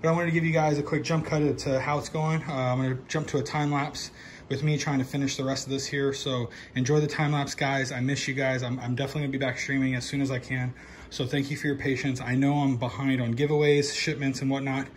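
A man's voice: mid-range voice, flat delivery, quick pace, a little hiss or hum. Casual man showing off his studio. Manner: loose, rambling, lots of fillers. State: out of breath. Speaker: channel host. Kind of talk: casual vlog update. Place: home loft room being set up as studio.

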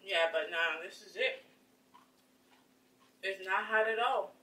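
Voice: mid-range voice, slow, far from the mic. A co-host chatting casually and laughing easily while eating snacks on camera, heard off-mic in an echoey room. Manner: laughing easily, slangy, relaxed. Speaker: co-host of a food challenge channel.

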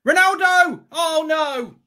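A man hosting a football watch-along, shouting and chanting a long, drawn-out goal yell in celebration. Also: very high-pitched. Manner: shouting and singing in stretched-out celebration. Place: indoor desk streaming setup.

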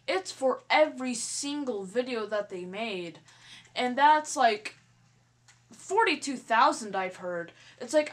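A woman's voice: fairly high pitch, fairly bright tone. A woman gaming YouTuber talking casually to her viewers while playing, hesitant and stuttering, often restarting her sentences. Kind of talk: casual vlog talk while playing a game.

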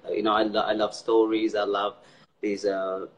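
A man's voice: lowish voice, level tone, moderate pace, a little hiss or hum, low-quality recording. A young man from Sri Lanka, a guest on a video call, talking casually and hesitantly, with lots of fillers and false starts. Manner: hesitant, many fillers and restarts, laughs easily. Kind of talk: casual interview chat. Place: indoors, dark room, video call. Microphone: video call mic.

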